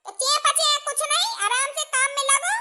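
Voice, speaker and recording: A woman's voice: extremely high pitch, brisk, bright, forceful tone, pitched above the performer's own voice, exaggerated voice. A woman voicing a bossy, scheming mother-in-law in a cartoon, scolding in rustic village speech.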